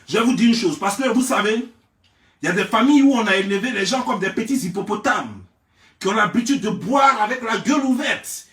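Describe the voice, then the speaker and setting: A young man from Côte d'Ivoire with an Ivorian French accent, ranting in a theatrical, mocking gossip vlog and often raising his voice to a shout. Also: sits high. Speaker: gossip vlogger. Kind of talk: mocking gossip rant to camera. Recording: roomy, mic at a distance.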